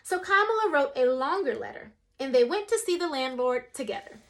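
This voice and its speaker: A young adult woman reads a children's picture book aloud in a high-pitched, fairly quick voice. She's expressive, shifting her voice for each quoted character.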